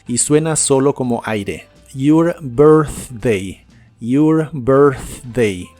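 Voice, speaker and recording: Slow, careful male English teacher. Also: a little high, a little mellow, dry recording. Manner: slow, careful drills, repeats English words twice. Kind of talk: scripted lesson narration.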